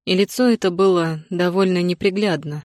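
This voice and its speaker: Woman, first-person audiobook narration, low voice, composed, dry close mic. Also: moderate pace, darkish tone, no echo.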